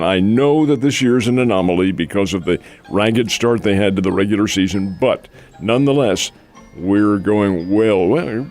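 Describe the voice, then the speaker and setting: Brief: older male sports radio co-host, lowish voice, folksy, faint music underneath. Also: darkish tone. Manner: folksy, addresses listeners as folks. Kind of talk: casual sports radio chat.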